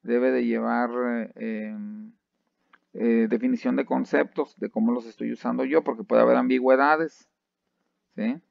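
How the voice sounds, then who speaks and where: A man lectures with a heavily gravelly, creaky voice at a middle pitch. He keeps checking in with his listeners and often restarts his phrases. The sound is dry and a little dull. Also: unhurried, no echo. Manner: lively, asks the class "¿sí?" often, many restarts. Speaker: university lecturer. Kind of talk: classroom lecture.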